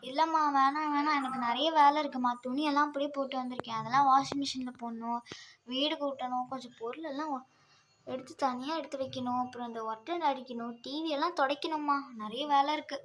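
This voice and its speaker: A woman's voice: high-pitched, steady tone, fast talker, a bit bright, voice pushed down. A woman voicing a busy grown daughter who hurriedly lists her chores in a one-person family skit.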